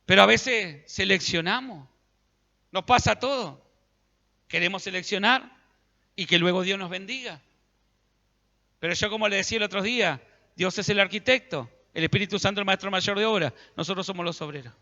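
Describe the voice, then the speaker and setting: A man's voice: high voice, normal speed, long pauses, bright, forceful tone, big-room sound, highs cut off. A man with an Argentine Spanish accent, preaching a sermon as pastor and acting out biblical dialogue in everyday speech. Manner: preaching, acts out biblical dialogue in colloquial voices.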